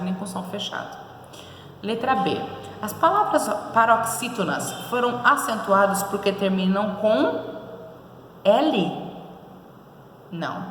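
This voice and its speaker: Woman teacher walking thru exercises, asks then answers herself, roomy echo, faint hiss. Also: on the low side. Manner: patient, asks questions then answers them, praises students. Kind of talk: recorded remote class going over textbook exercises. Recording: echoey room with faint noise.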